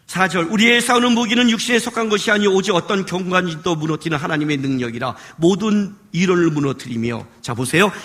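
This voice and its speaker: A male pastor preaching a sermon at a worship service. He swings from shouts down to hushed drops and acts out pleading prayers. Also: sits high.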